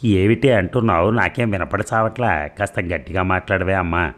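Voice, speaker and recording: A talkative, nosy aunt from a comic audio story, always pressing with fussy questions. Her voice sits very low and plain, as a man reads her part. It is a storybook voice with little put-on colour. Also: brisk, a bit bright. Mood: prying.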